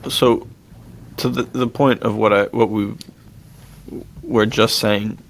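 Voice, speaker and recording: Here the same kind of podcast co-host sounds low and flat, taking his time as he recounts movie plots in an easygoing, excited, slang-filled way, chuckling along. Slight background noise is audible.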